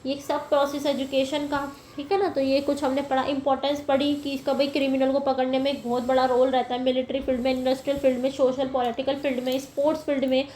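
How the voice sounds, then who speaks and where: Woman teacher explaining things step by step, fairly high voice, roomy echo, faint hiss behind. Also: level tone, quick pace, few pauses, a little mellow. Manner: explains step by step, often asking "ठीक है ना". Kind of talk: lecture to teacher-training students.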